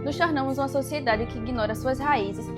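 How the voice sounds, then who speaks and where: A Brazilian woman reads scripted narration with emphasis, her voice high. Faint music sits behind her. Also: brisk, slightly rough. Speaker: documentary narrator.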